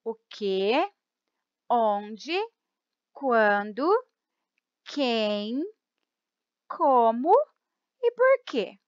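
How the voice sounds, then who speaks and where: Bright lively Brazilian woman teaching grammar. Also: on the high side, clear, resonant tone, no echo, lo-fi sound. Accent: Brazilian Portuguese. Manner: explains slowly, repeats rules, stretches key words; keeps checking in with "tá?" and "ó". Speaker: Portuguese teacher. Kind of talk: grammar lesson.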